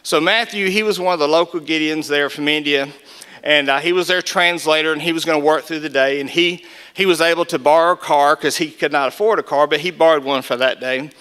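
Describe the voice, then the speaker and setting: Male speaker, folksy storyteller, clear forceful voice, a touch higher than most men. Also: a little fast. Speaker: Gideons speaker. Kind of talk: storytelling testimony talk.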